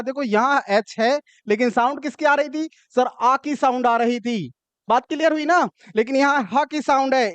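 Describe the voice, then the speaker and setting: Male teacher, very high pitch, stepwise explainer who keeps checking understanding. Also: smooth, dry recording. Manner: explains step by step with frequent check-in questions. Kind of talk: classroom grammar lesson.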